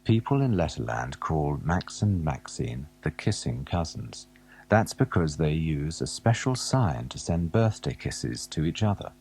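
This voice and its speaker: A man with a deep, slightly husky voice narrates a children's alphabet tape, reading a scripted picture-book story for small children at a measured pace. His sing-song pitch rises and falls widely as he gently coaxes the listener to spot things on the page, asking questions and waiting for answers.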